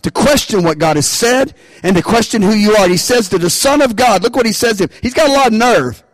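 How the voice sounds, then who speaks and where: A man's voice: sits high, animated, fairly quick, dry recording, poor audio. A man preaching a sermon, calling out to the congregation for responses and rising into bursts of emphasis. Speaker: pastor.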